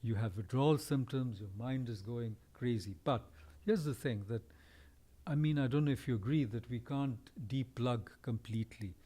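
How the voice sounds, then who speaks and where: Male podcast host, mellow timbre, reflective and discursive, gently challenging. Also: medium pitch, normal speed. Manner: discursive, thoughtful, pushes back gently. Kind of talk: reflective conversation.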